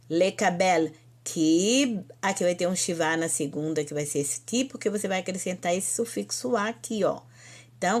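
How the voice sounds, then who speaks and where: Brazilian woman teacher, unhurried, patient, stretches out each example word for students. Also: lowish voice. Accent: Brazilian Portuguese. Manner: slow, patient explaining, drawn-out example words, frequent "então". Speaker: Hebrew teacher. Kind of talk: online language lesson.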